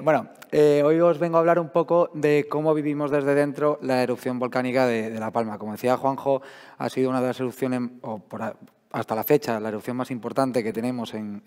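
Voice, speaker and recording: A man's voice: medium pitch, a little mellow. Man, voice giving out, colloquial science talk, big reverberant hall. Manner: colloquial, explanatory. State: hoarse, voice giving out after a night out. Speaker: seismologist, guest speaker. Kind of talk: informal science talk to an audience. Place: public talk in a large hall. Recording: echoey hall, long reverb.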